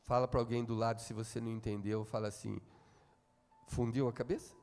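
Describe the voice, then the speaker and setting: A Brazilian man preaching a sermon in a church, calling on the congregation to repeat after him and swinging between quiet talk and shouting. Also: mid-range voice, level tone, fairly quick, long reverb tail, soft background music. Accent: Brazilian Portuguese. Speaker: pastor. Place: church hall.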